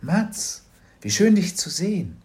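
A man's voice: high voice, very animated, takes it slowly, pitched above the performer's own voice, exaggerated voice. Man voicing a mysterious, insistent stall-keeper woman. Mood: delighted. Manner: urgent, pressing, drops to a hush.

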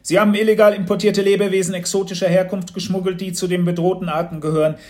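A man voicing a brisk, officious male customs officer who rattles off official phrases, in a storybook reading. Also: high voice, level tone, a little mellow, voice pushed up, lightly acted.

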